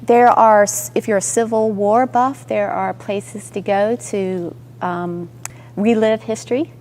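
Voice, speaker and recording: A woman from Georgia, a guest musician answering interview questions slowly and thoughtfully with pauses. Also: medium pitch, fairly even intonation, darkish tone, slight background noise. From Georgia, United States. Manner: slow and thoughtful, many pauses.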